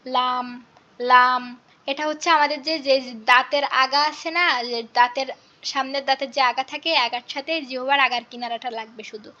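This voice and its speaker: A woman with a high, light voice teaches pronunciation in an online class. She repeats each sound again and again and walks her students through it patiently. The recording sounds a little dull and lo-fi. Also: steady tone, moderate pace, sharp tone.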